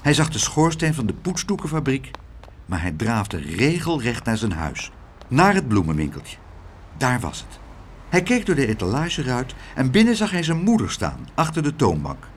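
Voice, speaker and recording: A man reading a children's storybook aloud in an expressive, lilting manner. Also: medium pitch, normal speed, a little hiss or hum. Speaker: narrator.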